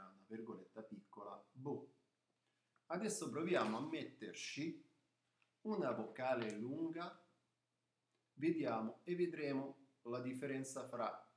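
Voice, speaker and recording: Male language teacher, unhurried and patient, checking in often; roomy recording with mic at a distance. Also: mid-range voice, a little hiss or hum. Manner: repeats "ok?" to check understanding, some false starts. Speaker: Arabic teacher. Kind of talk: informal lesson explaining the alphabet. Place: room, writing on paper at a table. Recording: echoey room, voice somewhat far from mic.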